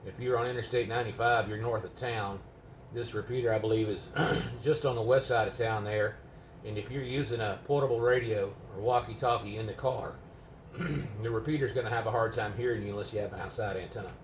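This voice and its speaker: An amateur GMRS radio operator chats casually and without a script from his home radio base. His voice is low, steady in tone and fairly quick. The mic sits far away, so the audio comes across roomy and noisy.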